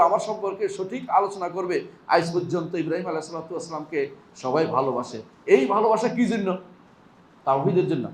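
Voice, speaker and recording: A man with a Bangladeshi Bengali accent giving a sermon on hadith in a mosque, reciting Arabic verses and asking the audience rhetorical questions. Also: sits high. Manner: asks the audience rhetorical questions and answers them; recites Arabic verses, then explains them. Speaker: Islamic scholar giving a weekly lesson. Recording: echoey mosque hall.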